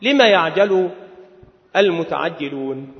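A man with a fairly high, gravelly voice gives a religious lecture. He speaks in measured phrases and sometimes draws words out in a chanting lilt. The recording is dull and lo-fi, with a long reverb like a large hall. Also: animated.

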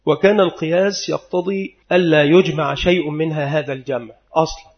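Male grammar teacher, slightly high voice, methodical and repetitive, dull lo-fi recording. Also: steady tone. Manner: methodical, repeats rules and slowly sounds out examples. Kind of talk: explanatory lecture.

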